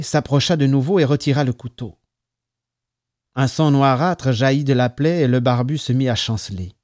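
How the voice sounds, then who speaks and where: A man reading a story aloud as narrator, calm between the voices. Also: mid-range voice, dry recording, studio quality. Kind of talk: audiobook narration.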